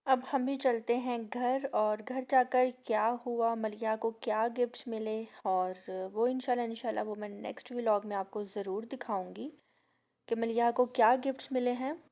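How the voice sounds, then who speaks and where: A young woman from Pakistan narrating a family vlog in a chatty way, filling pauses with "jo hai" and talking slowly because of a sore throat and fever. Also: on the high side, fairly even intonation, mellow. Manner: chatty, leans on the filler "jo hai". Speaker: family vlogger.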